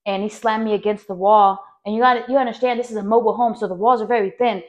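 A young woman hosting a podcast rambles through a casual personal story, animated and full of fillers, talking straight to her listeners. Her mid-range voice moves at a quick pace, and the audio has its highs cut off.

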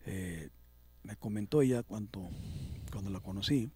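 A man, a songwriter guest speaking in a casual interview, reflective and grateful, often pausing on "este". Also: lowish voice, warm tone, husky, dry recording.

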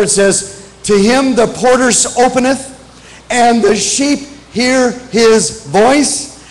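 A middle-aged man preaches from the pulpit of a large church. His voice sits high for a man, and he repeats his main points with emphasis, slowing down when he reads scripture. He speaks into a pulpit microphone. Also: poor audio. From grew up in Africa. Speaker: pastor, guest missionary preacher. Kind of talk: sermon.

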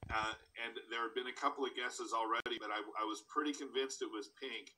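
A man's voice: mid-range voice, fairly even intonation, brisk, pushed and bright, slight background noise, poor audio. A man politely interrupting a class, apologetic and eager.

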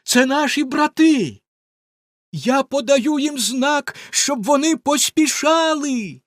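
A man's voice: high voice, measured pace, darkish tone, dry recording, studio quality, pitched above the performer's own voice. A man voicing a young sister watching from a tower in a storybook reading, with a raised, eager calling voice.

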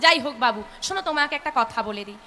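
A woman voicing a gentle, patient old male holy man in a devotional story. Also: sits high, lively intonation, very fast, slight background noise, pitched below the performer's own voice. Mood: calm. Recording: echoey hall, faint music.

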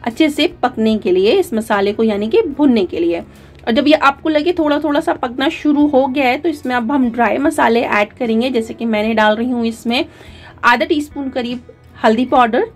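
A woman narrates a recipe as a channel host, her voice sitting a little high. She talks through each step calmly, pausing on fillers and mixing words into her speech. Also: faint music behind. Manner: calm step-by-step instruction with frequent fillers.

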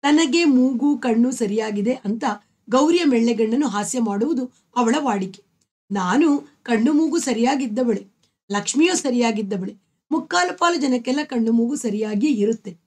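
A woman with a Kannada accent reads a short story aloud in a slightly high voice. She tells it at a measured pace, and her pitch lifts when she voices the characters' lines. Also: animated, darkish tone.

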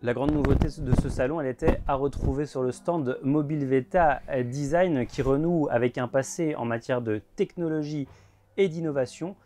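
A man in his thirties gives a guided tour inside a motorhome at a trade fair, talking in a measured way with frequent filler words. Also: mid-range voice, mellow, a little hiss or hum. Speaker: motorhome show presenter. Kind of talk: guided vehicle walkthrough.

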